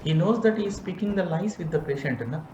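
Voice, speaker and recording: A man's voice: high voice, expressive, fast talker, darkish tone, reverberant, lo-fi sound, a little hiss or hum. A man giving an online yoga philosophy lecture over a video call, speaking emphatically, asking rhetorical questions and repeating key points. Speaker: yoga teacher.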